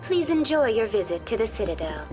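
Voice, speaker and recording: Female video-game AI guide, too smooth and even, courteous and impersonal with a lifted pitch. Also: brisk, music in the background. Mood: polite. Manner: too smooth, even, synthetic-sounding delivery. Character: polite female AI information guide, calm and impersonal. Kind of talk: video game character dialogue.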